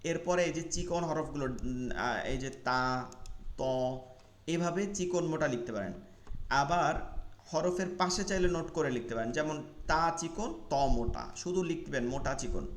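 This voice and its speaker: A man with a Bangladeshi Bengali accent teaching Quran recitation in an online class, slowly repeating Arabic letter sounds for students to copy. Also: fairly high pitch. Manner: drawn-out repeated letter drills. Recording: echoey room.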